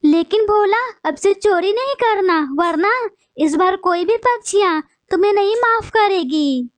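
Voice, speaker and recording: A woman's voice: extremely high pitch, animated, a little slow, no room sound. A woman voicing a tearful, hard-working female sparrow in a cartoon, with a wailing, lamenting manner. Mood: forgiving. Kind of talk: cartoon voice acting.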